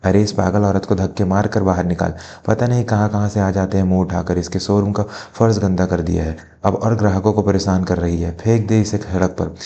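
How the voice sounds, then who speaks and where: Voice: sits low, fairly even intonation, fairly quick, vocal fry, few pauses, dark tone. A man playing an arrogant, bullying car showroom salesman in a family drama. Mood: furious. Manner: rude, scornful, bullying.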